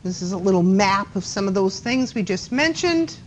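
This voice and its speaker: A woman's voice: mid-range voice, lively intonation, moderate pace, a little hiss or hum, poor audio. A woman with a Boston accent giving a classroom anatomy lecture, chatty and often checking in with students by asking them questions. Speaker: anatomy instructor.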